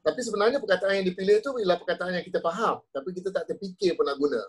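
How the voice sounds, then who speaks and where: Man on a panel, relaxed and talkative, voice sits a bit high. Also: very fast, breathy edge, low-quality recording. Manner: casual and chatty, drops in English words. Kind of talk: panel discussion.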